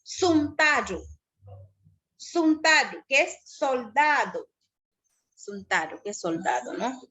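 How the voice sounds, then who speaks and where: A woman whose first language is Shipibo-Conibo, teaching a class at a slow, pausing pace and often checking in with her listeners. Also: on the high side, sing-song, a bit bright. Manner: slow, pausing, frequent "¿no?" tag. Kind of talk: lecture on loanwords.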